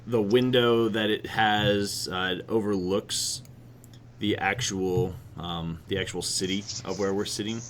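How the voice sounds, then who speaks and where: A man's voice: fairly low pitch, fairly even intonation, measured pace, slight background noise. A man narrating a tabletop role-playing game as game master, rambling and hesitant with frequent fillers.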